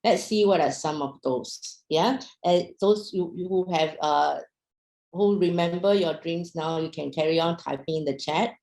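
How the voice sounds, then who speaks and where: A chatty young woman talks to an online audience, full of fillers and questions. Her voice is low and gravelly with fry. The room around her is echoey. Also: a little slow, darkish tone. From Myanmar, raised in Singapore. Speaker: speaker at an online business talk. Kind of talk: casual presentation to an online audience.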